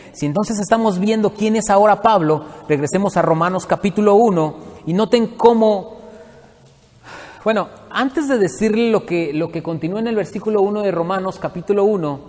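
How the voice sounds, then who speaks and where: A man's voice: high voice, a little mellow, in a large hall. A man from Mexico, teaching a Bible study to his congregation in a conversational way and often asking them questions.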